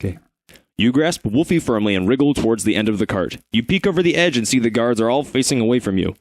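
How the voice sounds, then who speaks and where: A man narrates an adventure gamebook for his friends, breaking off for casual asides and quick corrections. His voice sits at a middle pitch and the recording is dry and close. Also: expressive, a little mellow, no room sound. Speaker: host and narrator. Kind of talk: reading an adventure book aloud.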